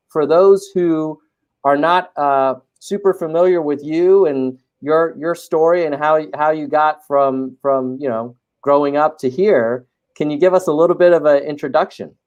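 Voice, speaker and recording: A man hosting a casual interview show, enthusiastic and halting, with lots of fillers and restarts. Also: fairly high pitch, a little mellow. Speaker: show host.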